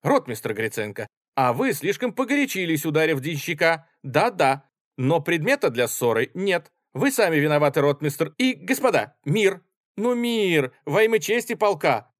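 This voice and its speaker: A man voicing an officer who talks quickly and placatingly, trying to smooth over a quarrel, in an audiobook. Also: fairly high pitch, big pitch swings, dry recording, clean studio sound, voice pushed up, exaggerated voice. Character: soothing older officer, man, peacemaking.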